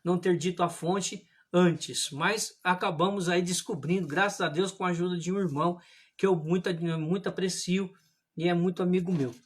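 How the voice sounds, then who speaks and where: A man preaching a livestreamed sermon indoors, reading scripture aloud in a measured way and calling his listeners brothers. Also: sits high, steady tone, husky. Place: indoor room at home, religious images behind him. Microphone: livestream camera.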